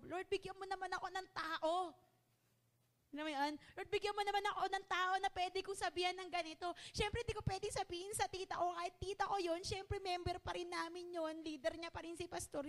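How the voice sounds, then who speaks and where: A high-pitched woman preaching a sermon. She shares her own struggles in a confiding tone, then presses her point with earnest, fervent exhortation. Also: a bit bright. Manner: confiding personal stories. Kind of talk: Taglish sermon.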